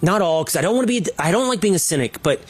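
A man's voice: high-pitched, animated, very fast, breathy edge. A man co-hosting a casual political debate, making his points in a firm, opinionated way. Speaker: co-host.

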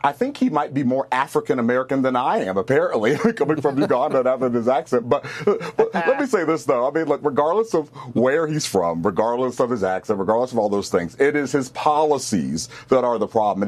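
Husky, forceful male panel guest. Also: medium pitch. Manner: forceful, repeats words for emphasis. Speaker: panel guest, former army officer. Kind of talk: political commentary.

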